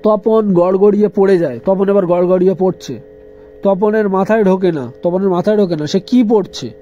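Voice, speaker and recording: A man's voice: sits high, normal speed, warm tone, dull audio, faint music behind. A man tutoring students, reading a story aloud and then repeating and explaining each line. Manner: reads a passage, then repeats and explains it, telling students to underline. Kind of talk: explaining a literature lesson to students.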